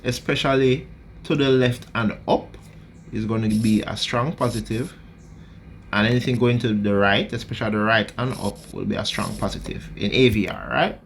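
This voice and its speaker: A man's voice: medium pitch, gravelly, a bit bright, a little hiss or hum. A man teaching a lecture, explaining a diagram step by step and checking in with the class often. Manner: unhurried, checks in with "right?" often.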